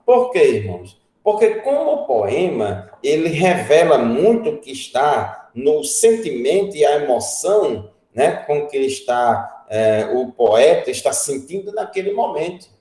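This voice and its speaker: Man, northeastern Brazilian accent, theology lecture, mellow voice, fairly high pitch, roomy echo. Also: very animated, a little slow, few pauses. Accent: Brazilian Portuguese, northeastern. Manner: explanatory, frequent "né?" checks, addresses students as brothers. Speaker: theology teacher. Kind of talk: classroom lecture. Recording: echoey room.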